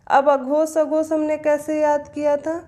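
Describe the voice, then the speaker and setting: A woman's voice: high-pitched, little pitch movement, unhurried, darkish tone. A woman teaching an exam-prep grammar lesson, explaining step by step and answering her own questions.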